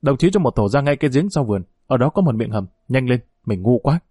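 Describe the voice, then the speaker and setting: A man's voice: medium pitch, expressive, quick pace, dark tone, slightly rough, dry recording, clean studio sound. A man reading the part of a young guerrilla commander, speaking in curt, urgent commands.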